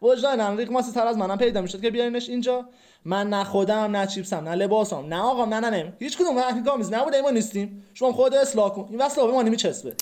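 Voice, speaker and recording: An actor playing a cheeky, slangy working-class man under interrogation, swinging between loud protest and muttering, in a comedy sketch. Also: high-pitched, lightly acted.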